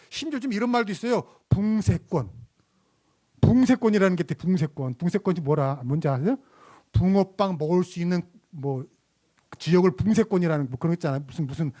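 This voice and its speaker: A man preaches a Sunday sermon with a fairly high voice. He tells stories in an animated way and keeps asking his listeners rhetorical questions. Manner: animated storytelling. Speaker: pastor.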